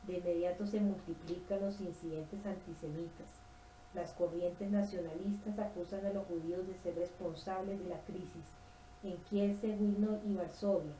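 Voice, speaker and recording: Casting: woman reader, low warm voice, steady nonfiction delivery with small slips, echoey room. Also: normal speed, slight background noise. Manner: steady, with some stumbles and self-corrections. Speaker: audiobook reader. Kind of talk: reading a nonfiction book aloud.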